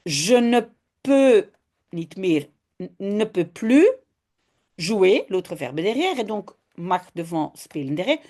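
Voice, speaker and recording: Slow, patient woman teaching. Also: medium pitch, sing-song, warm tone. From Belgium. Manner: patient, explaining step by step with frequent "hein". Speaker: Dutch teacher. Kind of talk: online language lesson.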